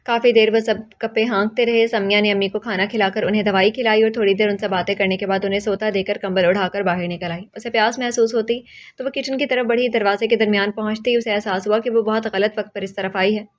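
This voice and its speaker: A woman's voice: mid-range voice, fairly even intonation. Woman reading a novel aloud, lo-fi. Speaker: audiobook narrator. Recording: dull lo-fi audio.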